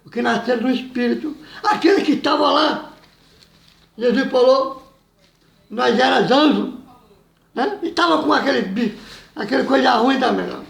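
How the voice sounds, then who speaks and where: A man preaching loudly and emphatically in a very high, gravelly voice. He laughs often between his points. The sound is roomy and echoing. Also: moderate pace, long pauses. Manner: loud and emphatic, says he always talks loud; laughs between phrases, says "meu irmão" often. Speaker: evangelical preacher. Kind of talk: informal sermon.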